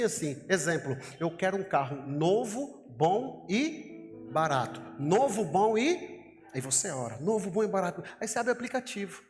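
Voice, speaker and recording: A pastor with a notably high voice preaches to his congregation, telling the story with lively acted-out voices. His voice rings through an echoey church hall while soft music plays beneath. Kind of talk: sermon.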